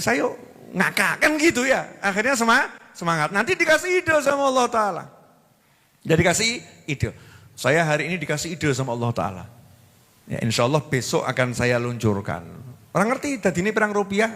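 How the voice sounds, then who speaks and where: A man with a Javanese accent preaching a sermon, telling stories lively and acting out the people in them. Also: high voice, moderate pace. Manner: animated storytelling, acts out dialogue in Javanese. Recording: long hall reverb.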